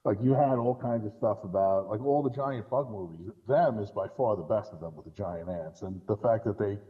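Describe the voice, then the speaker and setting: A man with a lowish voice speaks briskly as a podcast guest, chatting casually and opinionatedly about films. The recording is dull and lo-fi.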